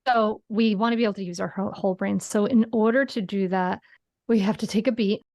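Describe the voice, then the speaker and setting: A woman's voice: medium pitch, brisk, a little mellow, no echo. Woman talking parenting on a podcast, earnest, keeps asking right?, dry close sound. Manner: earnest, explanatory, often adds a tag question. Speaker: parenting guest. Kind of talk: casual interview chat.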